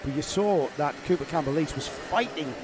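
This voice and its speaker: A man's voice: on the high side, normal speed, background noise. A man commentating live on a kart race, explaining the racing and teasing his co-host. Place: outdoor kart track commentary point.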